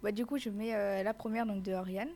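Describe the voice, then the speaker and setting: A woman working the studio desk, speaking quickly and offhand from away from the microphone. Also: medium pitch, steady tone, dark tone, slight background noise.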